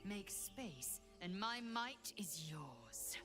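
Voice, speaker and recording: A woman's voice: medium pitch, sing-song, extremely slow, over music. An actress playing a stern, haughty alien warrior woman in a fantasy game, clipped and formal. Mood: proud. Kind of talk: fantasy video game acting.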